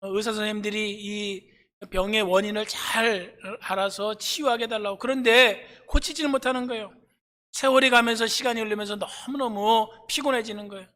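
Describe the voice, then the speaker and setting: A male pastor preaching a sermon, telling stories with lively acted-out dialogue. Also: high-pitched, fairly quick. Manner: animated storytelling, acting out dialogue. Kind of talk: sermon with storytelling. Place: church sanctuary. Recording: long reverb of a church hall.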